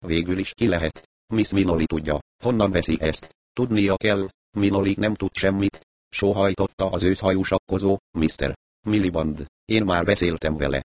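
Deep-voiced man reading a mystery. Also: a little mellow, no echo. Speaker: audiobook narrator. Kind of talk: scripted narration.

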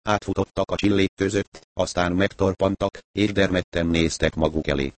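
A man reading an audiobook in a steady, measured narration on a close mic. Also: deep voice, dry recording.

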